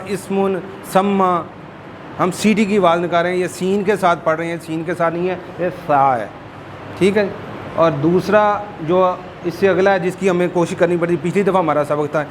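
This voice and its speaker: Man, Quran teacher, patient drilling of letter sounds, slow repetition, street noise in the background. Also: high voice, rough recording. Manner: repeats sounds slowly and drills them. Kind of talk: classroom lesson on Arabic letter pronunciation.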